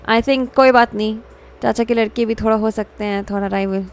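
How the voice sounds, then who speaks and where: Brisk and a little high, with fairly even intonation, a woman hosts a relaxed livestream as a VTuber. She has an Indian accent, slips between English and Hindi, and responds to fan art and her audience.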